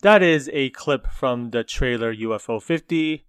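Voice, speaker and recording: A man hosting a casual podcast with his twin brother, giving brisk, upbeat introductions. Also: mid-range voice, faint music behind. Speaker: podcast host.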